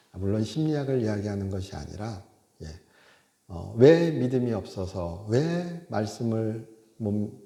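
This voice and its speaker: A male pastor giving a conversational sermon, often tossing in a quick "yes" and sometimes acting out a scolding voice with rising force. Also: medium pitch. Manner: conversational preaching with frequent interjected "yes"; animated, acts out God scolding in raised voice. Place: church sanctuary. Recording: echoey church hall.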